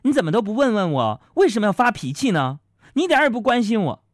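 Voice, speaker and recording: A man's voice: high voice, big pitch swings, fast, dry recording, studio quality, voice pushed up. A man voicing his petulant young wife in a raised, whiny, pouting tone for a comic radio bit.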